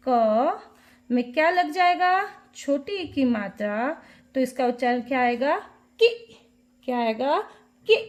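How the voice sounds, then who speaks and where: A young woman teacher with a high, bright voice talks to small children at an unhurried pace. She asks the same simple questions again and again in a patient, sing-song way. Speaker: kindergarten teacher. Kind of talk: online Hindi alphabet lesson for small children.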